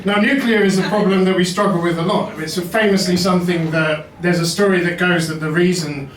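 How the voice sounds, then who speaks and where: A man's voice: high-pitched, steady tone, fairly quick, fairly bright tone, far from the mic, a little hiss or hum. A man performing a wry, self-deprecating stand-up comedy set in a basement comedy venue. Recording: roomy echo, mic heard from afar.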